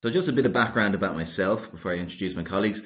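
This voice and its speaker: A man's voice: deep voice, animated, rapid-fire. An Irish man in his thirties hosting a casual podcast chat, upbeat and chatty. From Ireland. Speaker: podcast host. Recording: tinny phone-like line.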